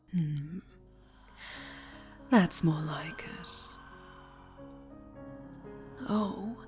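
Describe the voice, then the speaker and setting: Low-voiced, slow possessive villainess played by a woman, breathy whisper, menacing and cloying, over faint music. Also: dark tone. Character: possessive fallen-hero woman villain with shadow powers. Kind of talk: whispered audio roleplay.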